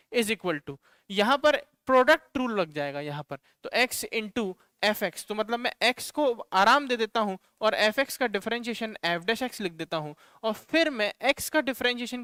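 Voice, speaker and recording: Indian male maths tutor, clear resonant voice, dry close recording, patient step-by-step explainer. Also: high-pitched, sharp tone, dry recording. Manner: explains step by step, mixing Hindi with English maths terms, addresses students as kids. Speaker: maths teacher. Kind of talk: online exam-prep lecture.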